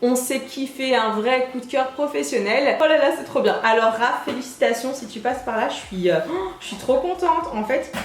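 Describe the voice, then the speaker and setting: A woman's voice: sits high, expressive, moderate pace, echoey room. A young woman chatting enthusiastically through a beauty unboxing, gushing over each product. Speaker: beauty vlogger. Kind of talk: casual unboxing chat.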